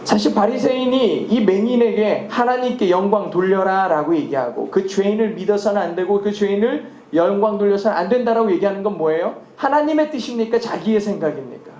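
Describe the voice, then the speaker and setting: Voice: mid-range voice, sing-song, brisk, few pauses, warm tone, echoey room, muffled recording, slight background noise. A pastor preaching a sermon and often asking the congregation rhetorical questions.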